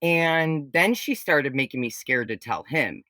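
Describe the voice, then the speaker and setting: A blunt, outspoken woman in her forties tells stories in a casual podcast chat. Her voice sits low but swings widely as she acts things out. The recording is dry and close. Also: measured pace, no echo. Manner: blunt, animated storytelling with swearing. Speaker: guest.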